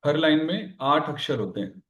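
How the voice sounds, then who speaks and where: A man teaching a Sanskrit grammar class, explaining slowly and counting syllables aloud, switching between Hindi and English terms. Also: on the high side, big pitch swings, fairly bright tone, reverberant. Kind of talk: online class lecture.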